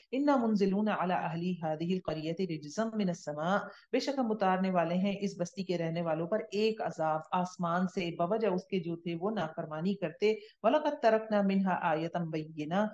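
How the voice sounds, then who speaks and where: A woman's voice: on the low side, a little mellow. Woman Quran teacher, Pakistani Urdu accent: recites a verse, then explains it conversationally. Roomy, dull lo-fi sound. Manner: conversational, asks and answers own questions. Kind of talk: Quran tafsir lesson.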